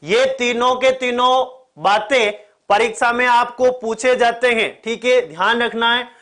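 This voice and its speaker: High-voiced male teacher with a sore throat. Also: steady tone, sharp tone. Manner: repeats key points, asks the class to answer quickly. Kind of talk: online exam-prep grammar lesson.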